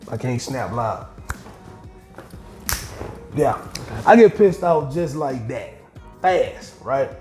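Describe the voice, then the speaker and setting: A middle-aged man hosting a podcast, talking bluntly with lots of profanity and animated storytelling in casual chat. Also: medium pitch. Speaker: podcast host. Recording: echoey room with faint music.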